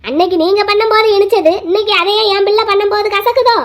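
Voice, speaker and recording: A woman's voice: very high voice, fast talker. A woman voicing a cartoon family drama in a sing-song, lamenting and argumentative way.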